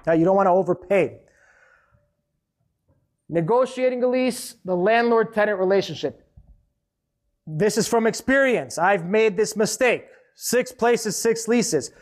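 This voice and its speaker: High-voiced man giving a lively seminar talk. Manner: direct, conversational, emphatic repetition. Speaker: seminar speaker, restaurant owner. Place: conference hall.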